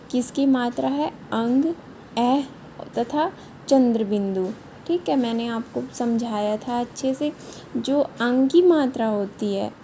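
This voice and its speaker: A woman's voice: a little high, mellow, slight background noise. A woman teacher giving a patient, step-by-step revision lesson to young children, often checking in with short questions. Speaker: primary school teacher.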